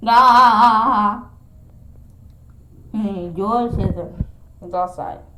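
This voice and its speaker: A woman playing with toys and talking in playful squeaky character voices. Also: very slow, bright, forceful tone, slight background noise. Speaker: toy play video maker. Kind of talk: playful toy role-play. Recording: echoey room.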